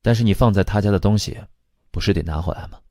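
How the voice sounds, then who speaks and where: A man's voice: fairly low pitch, fast talker, a little mellow, no room sound, studio quality, close to an everyday voice. Man playing a cold, blunt older sister. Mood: cool. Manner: cool, matter-of-fact.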